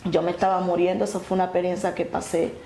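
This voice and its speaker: A woman telling her testimony earnestly, halting and restarting often. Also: lowish voice, level tone, mellow. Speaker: guest sharing her testimony. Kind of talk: emotional personal testimony. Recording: echoey room with faint noise.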